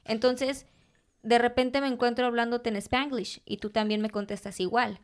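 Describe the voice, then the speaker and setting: A Mexican woman co-hosting a podcast in casual, animated chat, laughing often. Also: fairly high pitch, moderate pace. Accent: Mexican Spanish. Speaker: podcast co-host.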